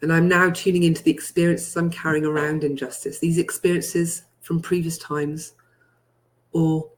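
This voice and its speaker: In a mid-pitched voice, a guided healing session leader takes listeners through a healing meditation. The phrasing is deliberate and repetitive, made of first-person affirmations, and key statements get repeated with emphasis.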